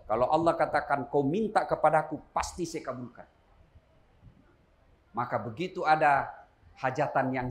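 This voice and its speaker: A middle-aged man preaching a humorous sermon to a live audience, swinging from loud, high emphasis to low asides and questioning his listeners. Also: roomy sound.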